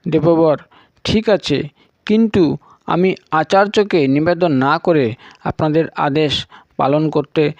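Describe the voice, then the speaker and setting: A man's voice: on the high side, takes it slowly, long pauses, no echo. A man voicing a devoted young male disciple, humble, obedient and earnest. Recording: dull lo-fi recording.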